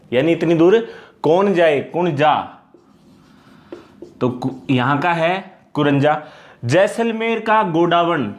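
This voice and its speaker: A man teaching an exam-prep lesson, repeating points and asking questions he answers himself. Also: sits high. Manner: repetitive, explains by asking and answering itself.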